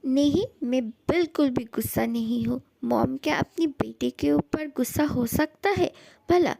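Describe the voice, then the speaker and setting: A woman voicing a scolding but soft-hearted middle-aged mother in a fan dub drama, bossy and fussing. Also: sits high, a little slow, gravelly, full character voice. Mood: reassuring.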